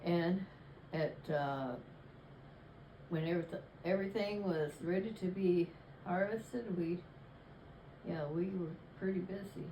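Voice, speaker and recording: Slow, low older woman reminiscing. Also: mellow, roomy sound, slight background noise, rough recording. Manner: rambling, self-correcting storytelling. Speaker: interviewee. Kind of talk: casual family chat.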